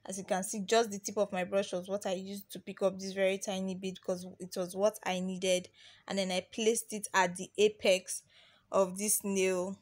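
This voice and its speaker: A young woman from Nigeria narrating a beginner nail tutorial as a voice-over, chatty, with plenty of ums and restarts. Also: mid-range voice. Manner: chatty, repeats herself, many ums and restarts. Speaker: nail tech teaching beginners. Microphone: voice-over recording.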